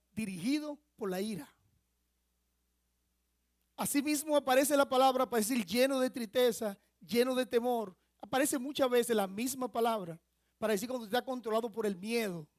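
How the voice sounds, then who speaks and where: With a very high-pitched voice, a Dominican pastor teaches his congregation in a church sanctuary, explaining a word and posing rhetorical questions to them throughout the sermon. The sound is clean studio quality with no echo.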